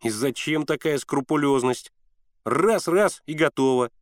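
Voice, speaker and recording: An impatient, dismissive teenage boy in a storybook, voice pitched up and pushing hard, the pitch leaping all over, as a man reading aloud puts him on. The sound is close and dry. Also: sing-song, dry recording. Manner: hurried, insistent, grumbling.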